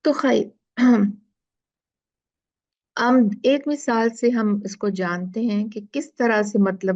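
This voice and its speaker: A woman teaching Quran recitation rules, explaining slowly step by step and often checking in with her listeners. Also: medium pitch, darkish tone, muffled recording. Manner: slow, explaining step by step with frequent "theek hai". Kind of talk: tajweed lesson.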